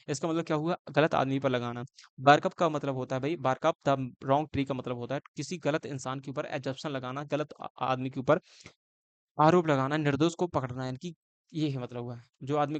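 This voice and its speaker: A male teacher explains idioms for competitive exams in a fairly high voice. He keeps asking and answering his own questions and mixes Hindi with English. The sound is dry and close, with no room around it. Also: no echo. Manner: switches between Hindi and English phrases; slows to spell out idioms and meanings. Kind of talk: exam-prep lecture.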